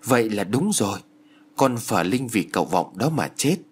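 A man voicing a village woman who guides a visitor and speaks to him in low, confiding tones. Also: big pitch swings, normal speed, breathy edge. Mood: hushed. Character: guiding village woman, hushed and secretive.

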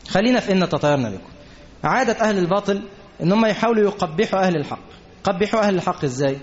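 A man with an Egyptian Arabic accent preaches in a loose, everyday way. He talks very fast, slipping into the voices of the people he quotes. The recording is muffled and lo-fi. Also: sits high. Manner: fast, conversational, quotes people and scripture in acted asides. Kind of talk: colloquial sermon. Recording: dull lo-fi recording.

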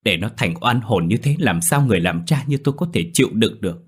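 A man's voice: low-pitched, fairly quick, breathy edge. A man voicing a hot-tempered, grieving older father in a ghost story. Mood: despairing. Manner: angry, scolding. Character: hot-tempered old father, grief-stricken.

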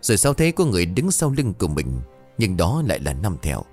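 Man, ghost story narration, suspenseful, animated pitch, soft music behind. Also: fast talker, slightly rough.

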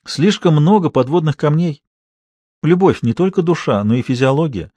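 A playful, sensible young woman, voiced by a male audiobook reader speaks in a raised, lighter, husky tone. Her teasing lines carry a lively lift. The sound is dry and close. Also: a little high, moderate pace, no echo, pitched above the performer's own voice. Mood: earnest. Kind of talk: audiobook reading.

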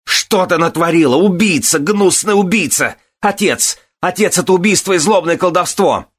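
A man voicing a grief-stricken young man who shouts furious accusations. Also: sits high, moderate pace, breathy edge, pitched above the performer's own voice. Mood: furious shouting. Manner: shouting, frantic.

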